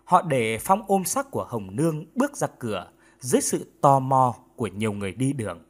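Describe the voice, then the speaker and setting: A man narrating an audiobook in an expressive storytelling manner. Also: medium pitch, brisk.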